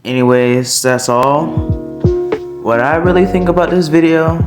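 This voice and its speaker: A man's voice: a little high, measured pace, loud music behind the voice. A man hosting a reaction video, talking casually and rambling with lots of filler words. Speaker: video reactor, channel host.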